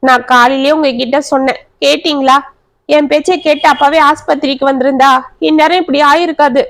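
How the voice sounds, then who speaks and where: A woman's voice: high voice, steady tone, a little fast, fairly bright tone. A woman voicing a worried young wife who pleads anxiously with her husband, in a storybook reading. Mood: tearful. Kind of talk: storybook narration.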